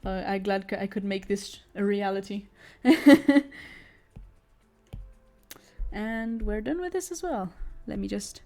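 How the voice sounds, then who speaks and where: A woman's voice: medium pitch, slow, pauses often, a little mellow, faint music behind. A young woman streaming as she draws, chatting casually in a rambling way with many fillers, stammered restarts and frequent laughs. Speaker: artist streaming while drawing. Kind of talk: casual chat while drawing.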